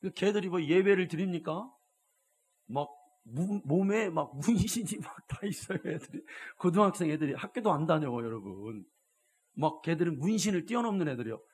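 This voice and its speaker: A pastor delivers a Sunday sermon in church, telling stories and swinging between hushed asides and loud exhortation while constantly prompting the congregation with rhetorical questions. His voice is a little high and breathy-edged, with lively intonation at a moderate pace.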